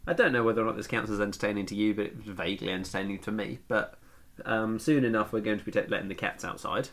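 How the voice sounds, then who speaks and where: A British man with a slightly low, creaky voice talks at a quick clip. He co-hosts a casual podcast, trading banter and wry, teasing anecdotes. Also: fairly bright tone. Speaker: podcast co-host.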